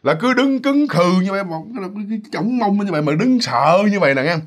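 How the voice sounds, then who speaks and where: A man with a Southern Vietnamese accent tells a ghost story in a loose, lively way, frequently speaking straight to his listeners. His voice is high and fairly quick.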